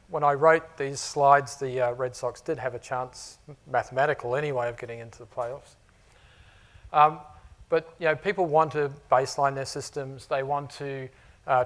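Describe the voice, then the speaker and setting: Speaking to customers in a conference room with a live audience, a middle-aged man presents as a technology architect at a conference. His voice is mid-range and slightly bright, his accent a mix of New Zealand and Australian, and his talk is conversational, sprinkled with many "uh"s and "you know"s.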